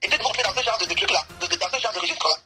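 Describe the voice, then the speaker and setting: A woman's voice: medium pitch, racing, over music. A woman calls in and speaks with indignant insistence, repeating her points. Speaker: caller. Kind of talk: phone-in opinion.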